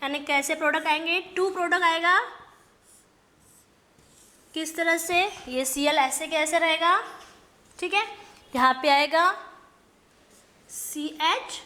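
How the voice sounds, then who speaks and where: High-voiced woman teaching chemistry. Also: fairly even intonation, sharp tone. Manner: mixes Hindi and English, asks and answers her own questions; dictates slowly in English, quick in Hindi. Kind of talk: online chemistry lesson.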